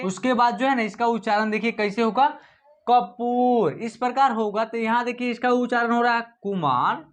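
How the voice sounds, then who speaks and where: Patient woman teacher sounding out syllables. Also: on the high side. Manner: frequent filler "jo hai na". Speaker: online Hindi reading teacher. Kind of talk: explanatory lesson narration.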